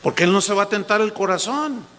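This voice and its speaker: A man's voice: high voice, animated, fast, fairly bright tone. A man preaching a sermon as pastor, emphatic and repetitive, with a habit of acting out other people's words. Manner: emphatic preaching, repeats phrases, quotes people in changed voices. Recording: long hall reverb.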